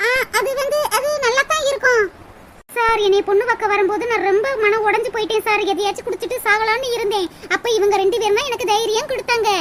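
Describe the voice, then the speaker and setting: A woman's voice: very high voice, fast. A woman voicing a young lovesick woman in a cartoon, tearful and pleading. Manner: weepy, pleading. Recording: loud hiss over the voice.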